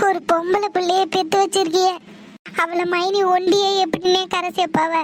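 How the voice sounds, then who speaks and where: A reproachful younger sister chides her brother in a cartoon, as a woman puts her on. The voice is very high, with faint noise behind it.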